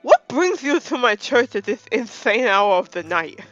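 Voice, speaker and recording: A woman's voice: on the high side, sing-song, normal speed, muffled recording, pitched above the performer's own voice. Woman putting on a lisping sassy imp priest. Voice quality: lisp. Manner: snippy, exasperated.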